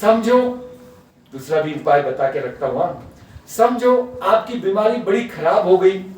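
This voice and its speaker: A man gives a storytelling sermon, his pitch rising and falling widely as he acts out the characters. He speaks slowly, and his voice echoes far from the mic in a hall with faint noise. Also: animated, darkish tone. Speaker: spiritual teacher.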